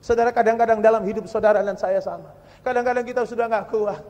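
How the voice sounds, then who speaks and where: A male preacher with a lilt and a strikingly high voice. He preaches dramatically, dropping to a hush and then rising to a shout. The sound carries a long church-hall echo. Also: fairly even intonation, fast. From Indonesia. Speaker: pastor. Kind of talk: sermon. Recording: echoey church hall recording.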